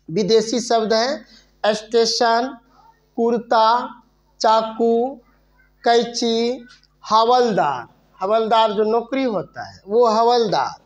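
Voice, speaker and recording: Slow-speaking woman teaching grammar. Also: on the high side, lo-fi sound. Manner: slow, repeats words, asks and answers own questions. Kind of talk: Hindi grammar lesson.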